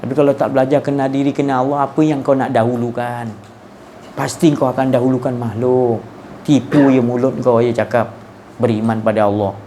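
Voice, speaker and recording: A man's voice: mid-range voice, little pitch movement, a little fast, warm tone, a little hiss or hum. A man with a Malaysian Malay accent giving a colloquial religious talk, who speaks rhetorically and keeps firing tag questions at his listeners. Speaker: preacher.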